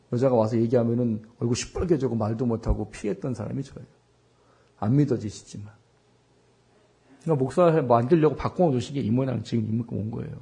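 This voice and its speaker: Delivering a Sunday sermon full of personal stories, a pastor from South Korea in his forties speaks in a mellow, medium-pitched voice that is husky and worn. He poses rhetorical questions to his listeners and uses emphatic repetition.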